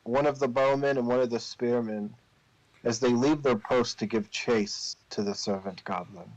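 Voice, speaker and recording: A man narrating a tabletop game as game master, improvising the story in a deliberate, pausing way. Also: mid-range voice, highs cut off.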